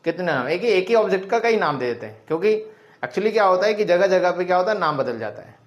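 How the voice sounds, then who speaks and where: A man's voice: high voice, lively intonation, quick pace, highs cut off. A man teaching a biology class, who asks the class questions and answers them himself, mixing English terms into his Hindi. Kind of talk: classroom lecture.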